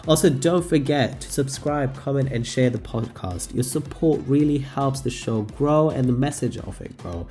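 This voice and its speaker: A man's voice: mid-range voice, expressive, moderate pace, hardly any pauses, dark tone. A man with a slightly nasal, cold-affected voice, hosting a podcast in an informal, effusive way. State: recovering from a cold. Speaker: podcast host. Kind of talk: chatty show introduction and interview.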